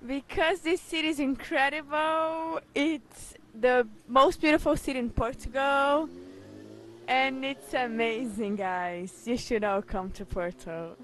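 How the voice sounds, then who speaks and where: A woman's voice: sits high, steady tone, slow pace. A young woman from Brazil, praising the city enthusiastically on a handheld mic. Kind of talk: casual interview answers.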